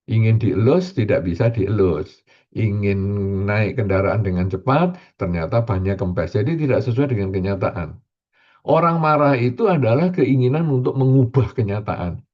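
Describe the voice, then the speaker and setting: Older male monk preaching, lively pitch, acts out quotes, dull lo-fi sound. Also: moderate pace. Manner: animated, acts out quoted complaints in a raised voice. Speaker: Buddhist monk giving a Dhamma talk. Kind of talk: sermon. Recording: dull lo-fi recording.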